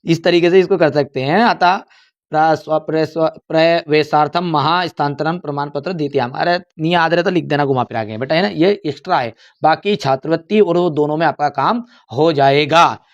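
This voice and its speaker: A man's voice: fairly high pitch, normal speed. A man teaching an exam-prep lesson, coaxing his students, repeating phrases and calling them "beta". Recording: dull lo-fi recording.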